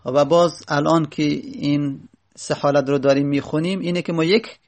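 A man's voice: a little high, fairly even intonation, darkish tone. A man teaching a lesson, reading short lines of a grammar text and then explaining them step by step, often asking and answering his own questions.

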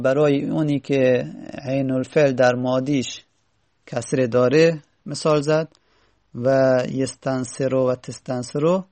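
A man's voice: medium pitch, mellow, no room sound. A male teacher giving a classroom lecture, reading lines from a grammar text and then patiently explaining each one in plain words, often asking the class rhetorical questions.

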